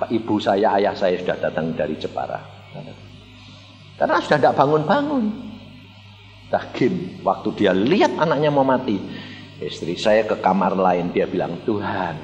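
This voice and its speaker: Seorang pria, pengkhotbah beraksen Jawa, bercerita dengan dramatis, kadang berteriak kadang berbisik. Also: male voice, fairly low pitch. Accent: Javanese. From Indonesia. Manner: dramatic storytelling, swings from loud shouts to hushed near-whispers; mixes in Javanese phrases, acts out quotes. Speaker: evangelist preacher. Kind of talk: sermon. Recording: echoey hall recording with faint music.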